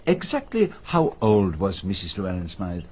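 An actor playing the detective Poirot in a BBC radio drama, speaking in a precise, formal way and asking probing questions. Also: male voice, deep voice, huge pitch swings, normal speed, breathy edge, full character voice. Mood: inquisitive. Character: Poirot, fastidious middle-aged male detective. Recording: dull archive radio recording.

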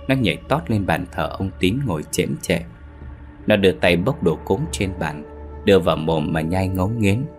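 A man narrating a ghost story in a steady, measured way. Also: low-pitched. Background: faint background music.

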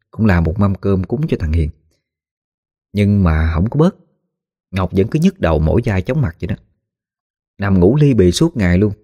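Man, deep voice, mellow tone, folksy ghost story narration, dry close sound. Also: no echo. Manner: folksy, animated retelling with quoted voices.

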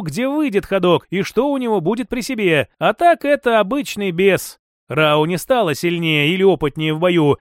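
High-voiced man reading a novel aloud. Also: dry recording, clean studio sound. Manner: wry, analytical inner monologue. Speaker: audiobook narrator. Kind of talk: scripted first-person narration.

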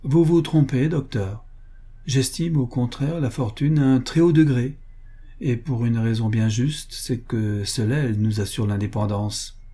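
A male audiobook reader voicing a calm, frank young woman of modest means, giving measured replies. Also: medium pitch, breathy edge. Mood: composed. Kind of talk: audiobook character voice.

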